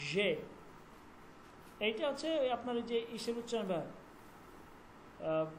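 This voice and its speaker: A man teaching a language class online, repeating each letter sound slowly and checking that students follow. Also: high-pitched, a little hiss or hum.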